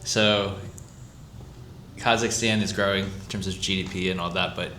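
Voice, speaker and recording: Bright-voiced male interviewer. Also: low voice, fairly even intonation. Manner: upbeat, quick affirmations. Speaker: podcast host. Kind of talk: casual interview. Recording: roomy echo with faint noise.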